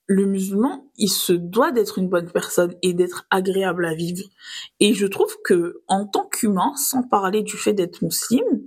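Breathy woman talking slow and earnest on her solo podcast, little pauses here and there. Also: medium pitch. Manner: earnest, reflective, with filler pauses and small laughs. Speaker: podcast host. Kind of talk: solo religious reflection podcast.

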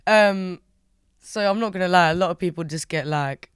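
Young female music artist, English urban street accent, slangy roadman delivery, smooth clear tone, dry sound, relaxed interview chat. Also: fairly low pitch, normal speed, no echo. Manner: slangy roadman-style speech.

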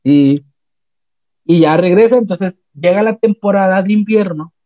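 A young man with a Mexican accent, casually retelling an anime plot in a slangy, animated way with many restarts. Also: sits high, measured pace, dry recording. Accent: Mexican Spanish. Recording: dull, slightly lo-fi dry sound.

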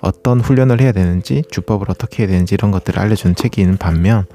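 A man's voice: deep voice, very fast, mellow, soft background music. A man hosting a running talk, speaking casually and politely as he explains things to listeners and puts questions to them. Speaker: running channel host.

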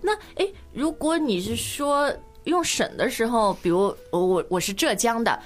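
A woman from Shanghai hosting a bilingual language-lesson podcast, chatty and quick to laugh as she switches between two languages. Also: on the high side, expressive, soft background music. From Shanghai, China. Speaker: podcast host, English teacher.

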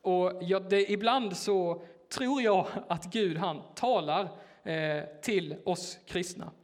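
A man with a notably high voice gives a sermon in a church. He tells a personal story in a relaxed, conversational way, hesitating often and filling pauses as he goes. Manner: casual, hesitant, filler-heavy storytelling. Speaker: church worker preaching.

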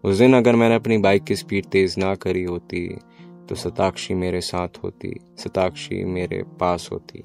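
A man's voice: deep voice, little pitch movement, normal speed, gravelly, darkish tone, faint music behind. A young man narrating a first-person love story in a wistful, reflective way.

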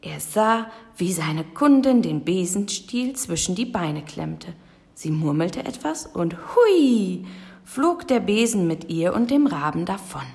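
A woman narrating a children's audiobook in a lively storytelling manner. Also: fairly low pitch, unhurried, vocal fry.

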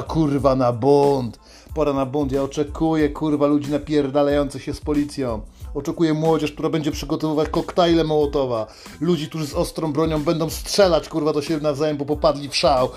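A man's voice: fairly high pitch, darkish tone. A young man delivering a crude, sarcastic comic rant, swearing at nearly every turn. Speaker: comedian.

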